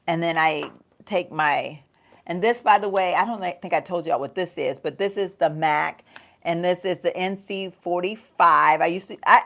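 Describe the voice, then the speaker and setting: A middle-aged woman chatting casually on a get-ready-with-me livestream, calling her viewers y'all and laughing often as she talks through her makeup. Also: fairly low pitch. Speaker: beauty vlogger. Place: home.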